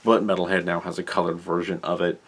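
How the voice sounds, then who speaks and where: A man's voice: low-pitched, little pitch movement, fast, a bit bright. A man hosting a casual hobby news update, rambling and correcting himself as he reads out model details. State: has the hiccups. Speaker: hobby channel host. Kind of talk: casual solo news commentary.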